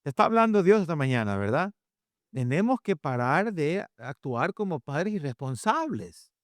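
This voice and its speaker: A male preacher gives a sermon, telling lively stories and acting out what people said. His voice sits fairly high and swings widely in pitch. The sound is dry and close on the microphone. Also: moderate pace, dry recording. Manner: animated storytelling, acts out quotes. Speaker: pastor and family speaker.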